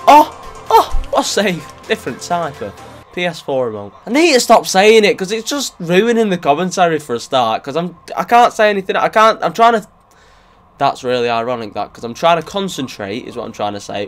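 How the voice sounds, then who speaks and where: A young man commentating his football video game in an excitable, jokey way, swearing often and breaking into sudden shouts. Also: on the high side, fairly quick, soft background music. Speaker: gaming youtuber.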